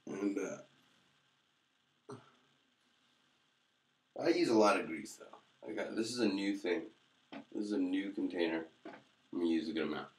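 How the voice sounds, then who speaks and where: A man chatting casually to camera as a vlogger, in a halting, rambling, laid-back way, in a very echoey room. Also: low voice. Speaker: vlogger reviewing hair pomade.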